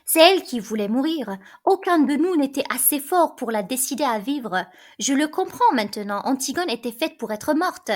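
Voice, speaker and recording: A woman's voice: high-pitched, animated, normal speed. A woman reading aloud the part of a stern older king, firm and resigned.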